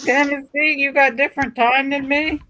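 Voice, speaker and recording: A woman's voice: high-pitched, flat delivery, normal speed, sharp tone. A woman from New Jersey, a regular on a craft livestream, chatting and teasing the others. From New Jersey, USA. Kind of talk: casual group chat.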